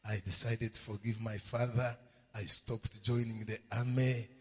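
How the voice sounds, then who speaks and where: A middle-aged man preaching a sermon, emphatic and repetitive, with sudden shouts. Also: on the low side, level tone, measured pace, breathy edge. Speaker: pastor. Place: church. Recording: long hall reverb in a church.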